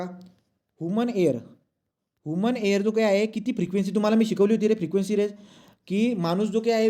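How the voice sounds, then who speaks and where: Male teacher lecturing a class, fast and high-pitched, keeps checking understanding, mixes in English terms. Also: warm tone. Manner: asks pupils frequent check questions; mixes English textbook lines into Marathi. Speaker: physics teacher.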